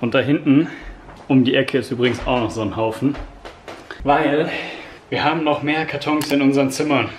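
Young man, relaxed vlog co-host delivery, roomy echo, light background noise. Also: mid-range voice, moderate pace, long pauses. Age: 20s or 30s. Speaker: vlogger's partner and co-host. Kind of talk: casual vlog chat. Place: sparsely furnished rooms at home. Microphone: handheld vlog camera. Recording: echoey bare room, some background noise.

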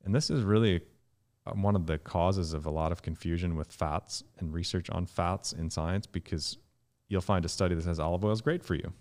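A man in his thirties, a guest scientist on a podcast, explaining in an animated way and jumping up in pitch to stress points, recorded in a dark studio on a studio mic. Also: fairly quick. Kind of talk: podcast conversation. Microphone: studio mic with headphones.

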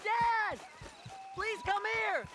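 An actor voicing an earnest, sensitive teenage boy who is quick to panic. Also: sits high, very animated, noisy background, heavily acted. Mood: panicked. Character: anxious teenage son, sensitive, eager. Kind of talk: video game voice acting.

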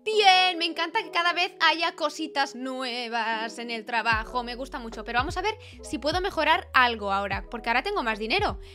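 A woman's voice: high voice, animated, fairly quick, few pauses, bright, forceful tone, faint music behind. A young woman giving playful, chatty commentary while she plays a game, reading on-screen lines aloud as she goes. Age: young adult. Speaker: gaming youtuber. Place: small bedroom with purple light. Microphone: studio mic on arm, close.

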